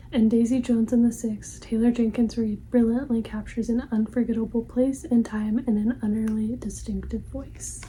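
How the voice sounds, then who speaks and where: A woman in an ASMR ASMR role-play, playing a polite, helpful librarian in a soft, breathy library soft voice with a gentle, attentive manner. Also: a little high, a little hiss or hum, natural voice, low-quality recording. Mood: reading softly. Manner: gentle, hushed, attentive customer-service talk. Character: helpful, polite female librarian recommending books to a customer.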